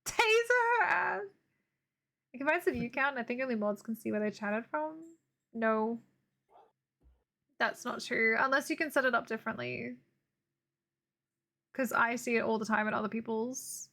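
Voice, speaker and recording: A woman's voice: a little high, normal speed, gravelly, long pauses, sharp tone. A young woman streaming while she draws, chatting casually and laughing often. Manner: giggly, laughs often, playful. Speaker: art streamer. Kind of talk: casual chat while drawing.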